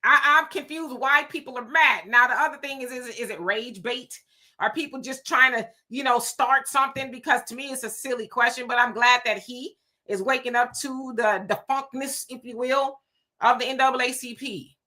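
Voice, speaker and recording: A woman's voice: high-pitched, normal speed, sharp tone. A woman hosting a casual political commentary show, chatty and sassy, thinking aloud with lots of asides.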